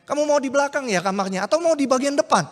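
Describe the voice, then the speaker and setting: A young carpenter who bursts out loud and exclaims every line , as a preacher plays him. The voice is pitched high and rings out with long reverb in a large hall. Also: male voice, expressive, very fast, slight background noise. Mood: cheerful. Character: young male carpenter, eager then outraged.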